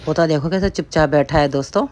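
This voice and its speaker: A woman's voice: deep voice, fast talker, a little mellow, a little hiss or hum. A middle-aged woman from the hills, chattily narrating a family ritual in a casual voice-over and often addressing her viewers as friends. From Pahari hill region of India.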